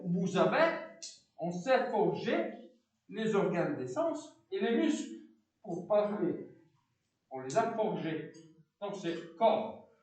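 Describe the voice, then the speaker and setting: High-voiced guy w an accent teaching philosophy, slow + animated, echoey classroom from far off. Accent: foreign accent in French. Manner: animated, questions students constantly, repeats words. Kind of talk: classroom lecture.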